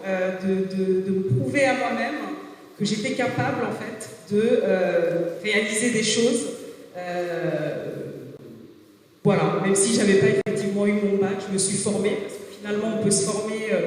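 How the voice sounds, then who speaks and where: A native Swahili-speaking woman in her forties speaks as a business coach at a jobs fair, her talk halting, full of filler sounds, hesitations and restarted sentences. Her mid-range voice has a darkish tone, recorded from far off in an echoey gymnasium hall.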